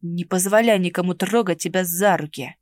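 A woman's voice: fairly low pitch, normal speed, no room sound, clean studio sound, close to an everyday voice. Woman doing a curt, stern male inquisitor. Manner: curt, ironic and commanding. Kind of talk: audiobook character reading.

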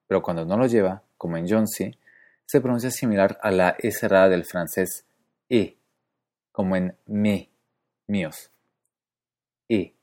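A man hosting a podcast, explaining pronunciation methodically, spelling out letters and repeating sounds slowly. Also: deep voice, darkish tone. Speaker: podcast host.

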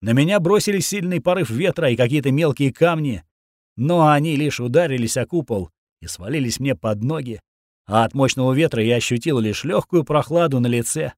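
Man narrating an audiobook, mid voice, steady and grim, dry close mic. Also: medium pitch, brisk, no room sound. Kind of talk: first-person audiobook narration.

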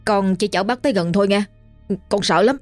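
A woman voicing a young village man, rushed, fretful and gossipy. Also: mid-range voice, no echo, soft background music, lightly acted.

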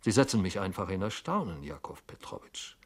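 A man's voice: deep voice, sing-song, fairly quick, full character voice. A man voicing an anxious, fretful government clerk who mutters and scolds himself, in an audiobook reading. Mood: bewildered.

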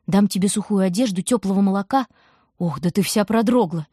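A woman voicing a kindly, fussing old male grocer in an audiobook, worried and scolding gently. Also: medium pitch, fairly quick, slightly rough, no echo, studio quality, lightly acted. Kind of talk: audiobook reading.

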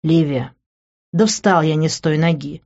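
A woman voicing a sullen, irritable young man who answers in a low, gruff, curt voice. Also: measured pace, a little mellow, highs cut off.

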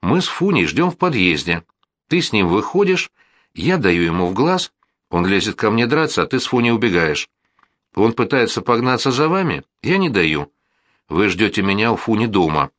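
A man voicing a resolute schoolboy who plots a rescue, speaking in brisk, clipped phrases and sounding sure of himself. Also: on the low side, sing-song, fairly bright tone, dry recording, clean studio sound. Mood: commanding. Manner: brisk, commanding, short phrases.

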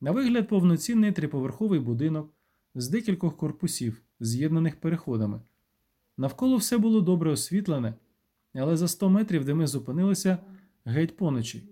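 Brief: male narrator, measured and wry, warm low-brightness tone. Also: very animated. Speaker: audiobook narrator. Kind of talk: first-person audiobook narration.

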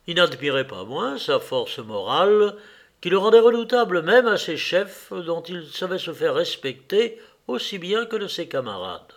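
A man reading a classic novel aloud at a measured, even pace. His voice sits somewhat higher than most men's. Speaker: audiobook reader.

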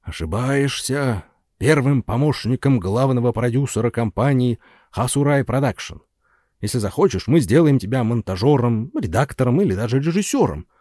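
A man voicing a smooth-talking, pushy film producer who coaxes and commands in an audiobook. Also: mid-range voice, animated, normal speed, a little mellow, no room sound, clean studio sound, lightly acted. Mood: persuasive. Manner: coaxing and commanding. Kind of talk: audiobook character voice.

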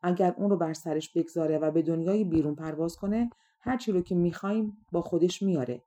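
A woman's voice: lowish voice, dark tone, dull audio, lightly acted. A woman voicing a kindly, helpful frog fairy in an audiobook fairy tale, in an eager, fussing manner. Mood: reassuring.

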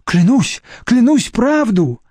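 A man's voice: high-pitched, very animated, unhurried, a little mellow, dry recording, clean studio sound, voice pushed up, full character voice. A man voicing an aging, cowardly museum deputy director who pleads in a trembling, servile way. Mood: pleading.

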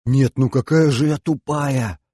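A man reading an audiobook voices an excitable teenage girl who speaks in breathless, rising questions. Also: medium pitch, unhurried, husky, dry recording, studio quality, pitched above the performer's own voice. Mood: excited.

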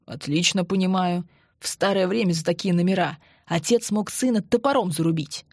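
A woman's voice: on the low side, normal speed, a little mellow, breathy edge, no echo, studio quality. A woman reading as a level-headed male partner. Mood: calming.

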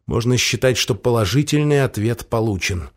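A man narrating a fantasy audiobook in a measured, descriptive storytelling manner. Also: mid-range voice, lively intonation. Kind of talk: scripted fiction narration.

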